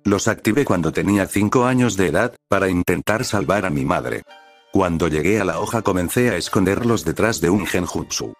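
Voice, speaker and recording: A man reading the lines of a calm, wry young male ninja in a fan story, in an even storybook tone. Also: low voice, moderate pace, faint music behind.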